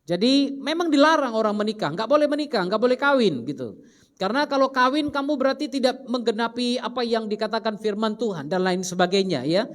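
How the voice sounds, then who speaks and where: Lively man preaching a Bible study. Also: very high voice, brisk. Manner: lively, humorous, acts out quotes. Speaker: pastor.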